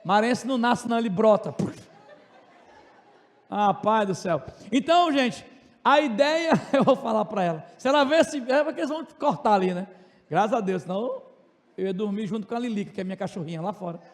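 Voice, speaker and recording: A man with a Tocantins Brazilian accent teaching a class in a joking way, talking loud and fast with asides to his students. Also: high-pitched, lively intonation. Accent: Brazilian Portuguese, Tocantins region. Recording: long reverb of a classroom.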